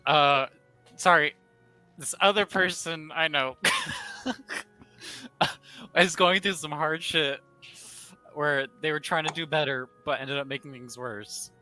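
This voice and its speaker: Very bright-voiced playful man. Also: fairly high pitch, takes it slowly, long pauses, faint music behind, poor audio. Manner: laughing, playful. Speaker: player. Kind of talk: tabletop role-play.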